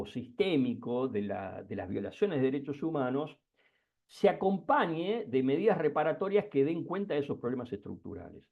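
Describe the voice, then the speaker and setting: A man giving an academic lecture, with an Argentine Spanish accent, pausing often with fillers and restarts. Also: medium pitch. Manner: hesitant, many fillers and restarts. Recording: dull lo-fi sound.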